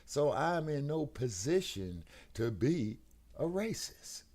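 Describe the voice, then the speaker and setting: A man's voice: a little high, big pitch swings, slow, a little mellow. A man talking over a video call through a headset. He speaks emphatically, in a preachy way, and keeps checking "you see what I'm saying?". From United States. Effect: heard over a video call, connection breaking up. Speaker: co-host of a talk stream. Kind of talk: casual political discussion.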